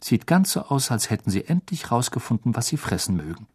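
A man voicing a gawky, easily flustered teenage boy who speaks low and mumbled. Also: big pitch swings, fairly quick, darkish tone, husky. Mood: hushed.

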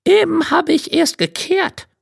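Man putting on an old granny voice, high creaky falsetto, sing-song, fussing, dry close sound. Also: measured pace, no room sound, heavily acted. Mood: scolding. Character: old grandmother, crafty but kindly. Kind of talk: storybook reading.

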